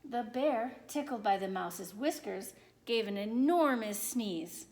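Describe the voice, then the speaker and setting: A woman reading a children's picture book aloud in an expressive, measured storytelling manner. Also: fairly high pitch, a little hiss or hum. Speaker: storybook reader.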